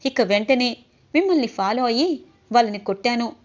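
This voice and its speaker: Woman reading as a gentle young auto driver guy, calm and polite, kinda lo-fi sound. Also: on the high side, normal speed, close to an everyday voice. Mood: reassuring. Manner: reassuring, polite, calls her madam. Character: young man, a kind, protective auto driver. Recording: slightly dull lo-fi audio.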